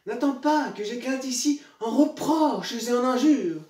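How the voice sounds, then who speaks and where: A man's voice: extremely high pitch, animated, measured pace, a little mellow. A man playing a proud, betrayed noblewoman in classical theatre, declaiming with hammy, vengeful indignation. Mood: indignant, vengeful. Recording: echoey room, far from mic.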